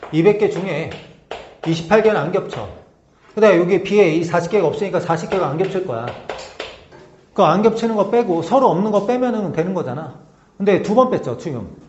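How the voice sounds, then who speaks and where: Male math teacher, slightly high voice, patient walkthrough with frequent check-ins; roomy, dull recording. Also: lively intonation, darkish tone, slight background noise. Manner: talks through steps slowly, checking in with tag questions. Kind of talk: whiteboard lesson walkthrough.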